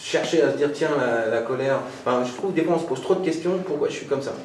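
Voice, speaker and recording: A man's voice: mid-range voice, fast talker. A man in a casual group discussion, thinking aloud in a searching, rambling way. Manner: searching, rambling, self-correcting. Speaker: participant. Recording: echoey room, distant from mic, faint noise.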